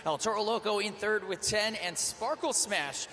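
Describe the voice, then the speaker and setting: A man's voice: high voice, moderate pace, pushed and bright. A man working as an event announcer, calling out sports results with energy. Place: large indoor arena. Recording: noisy live arena sound.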